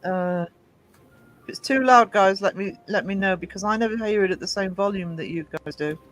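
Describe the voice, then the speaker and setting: A woman with a mid-range voice hosts a casual live stream at a desk mic, talking a little fast and greeting chat members by name. She's chatty, full of fillers and restarts, and keeps coughing from hay fever as her voice gives out. A quiet self-made tune plays softly in the background, and the audio quality is poor.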